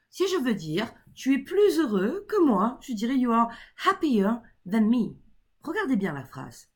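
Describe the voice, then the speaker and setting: A woman teaching a grammar lesson to her class, who keeps checking that the students follow and spells out letters slowly. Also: mid-range voice, husky. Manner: encouraging, checks in with the class often. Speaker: English teacher.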